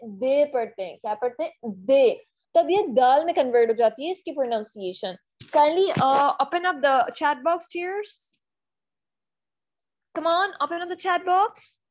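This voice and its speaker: A Pakistani woman with a high voice gives an online English pronunciation lesson. She mixes Urdu and English and drills each word slowly so students can repeat it. The audio is a little dull and lo-fi. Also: darkish tone.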